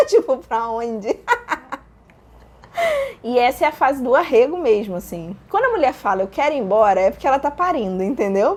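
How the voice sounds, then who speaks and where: Woman, Brazilian accent, young adult, casual storytelling, animated, fairly high voice. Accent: Brazilian Portuguese. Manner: animated, acts out quoted shouts with laughter. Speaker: mother telling her birth story.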